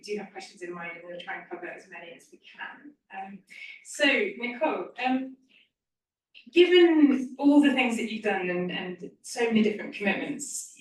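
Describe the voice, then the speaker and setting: A woman introducing a guest and hosting an onstage interview at a university event, with frequent ums. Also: mid-range voice. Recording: echoey hall from far off.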